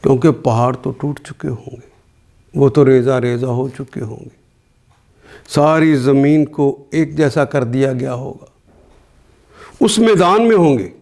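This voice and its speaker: A man teaching a word-by-word Quran translation, reciting each verse slowly and then explaining every word in plain, patient teaching. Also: mid-range voice, creaky, a little mellow. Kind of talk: word-by-word scripture lesson.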